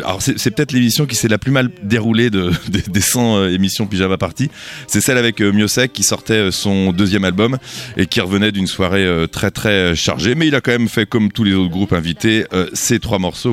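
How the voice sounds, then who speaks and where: A middle-aged man presenting a radio show unscripted, in a halting, hesitant way. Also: on the low side. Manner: hesitant, stretching out words. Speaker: radio host.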